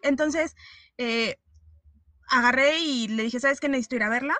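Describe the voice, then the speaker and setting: A woman's voice: high voice, moderate pace, dry recording. A young Mexican woman telling a personal story in casual chat, acting out what people said. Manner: animated storyteller, acts out dialogue.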